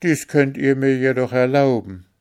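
A man's voice: medium pitch, normal speed, a little mellow, smooth, pitched above the performer's own voice, natural voice. A man voicing a timid, sweet young girl from a fairy tale in a storybook reading. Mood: timid pleading.

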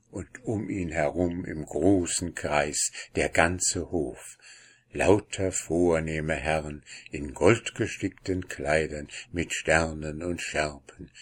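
A man narrating a fairy tale in a calm, measured reading. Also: deep voice.

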